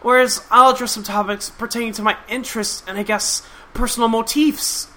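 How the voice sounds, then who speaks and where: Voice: medium pitch, steady tone, brisk, sharp tone, slight background noise, voice pushed up, lightly acted. A reader voicing a timid young male troll who talks hesitantly and stammers politely.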